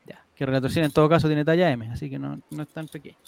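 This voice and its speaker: A man's voice: fairly high pitch, steady tone, rapid-fire, gravelly, a little mellow, dry recording. A man, telling a story as a podcast host in a rambling way, with restarts and laughs. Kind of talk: casual storytelling to co-hosts.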